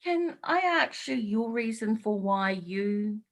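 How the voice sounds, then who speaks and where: A woman's voice: a little high, lively intonation, takes it slowly, low-quality recording. A woman hosting an interview, asking questions in a hesitant way with many "um"s. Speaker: interviewer host.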